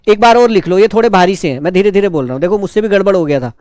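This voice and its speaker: A man teaching a shorthand class, teasing his students and dictating words slowly. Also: high voice, a little mellow, no room sound, clean studio sound. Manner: slow, drawn-out dictation. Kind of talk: live online class dictation.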